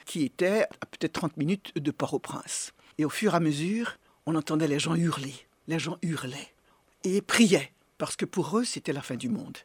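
A middle-aged woman in an interview, telling in a measured, grave way what she lived through. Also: deep voice, husky, dry recording. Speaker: interviewee recounting an earthquake. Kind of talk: interview testimony.

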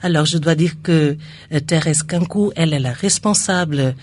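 A woman's voice: deep voice, moderate pace, a little mellow, slight background noise. A woman with a foreign accent in French, a non-native speaker searching for words in a conversational interview. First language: not French. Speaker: radio station staff member being interviewed.

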